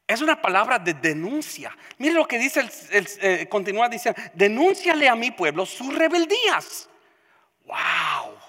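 A preacher delivering an emphatic sermon, repeating phrases and swinging between loud declarations and hushed asides. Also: medium pitch, sing-song, moderate pace. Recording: long hall reverb.

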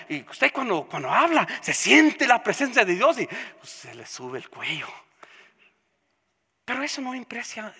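A preacher delivering an emphatic sermon, repeating phrases and swinging between loud declarations and hushed asides. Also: mid-range voice, husky. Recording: long hall reverb.

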